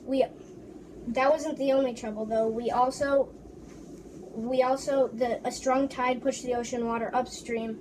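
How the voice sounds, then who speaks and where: A woman playing a proud English explorer in a first-person history presentation, reciting haltingly with restarts. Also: on the high side, fairly even intonation, a little mellow, close to an everyday voice. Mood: earnest. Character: English explorer John Smith, proud man. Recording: distant mic with background noise.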